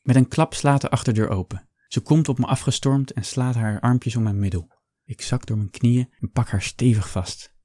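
A man reading a first-person story aloud in a calm, measured storytelling manner. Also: medium pitch, no room sound. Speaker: audiobook narrator. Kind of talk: scripted first-person narration.

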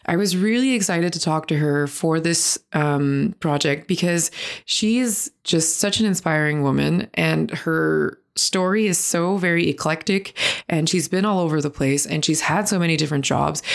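A woman with a low, creaky voice and a Quebec French accent hosts a podcast. She gives a long, earnest introduction sprinkled with fillers.

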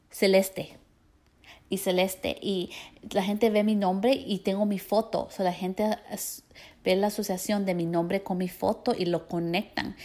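Chatty woman with vocal fry. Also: medium pitch, a little mellow. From California. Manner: chatty, mixes English words like "so" into Spanish. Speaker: stylist and social media creator. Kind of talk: casual advice talk to viewers.

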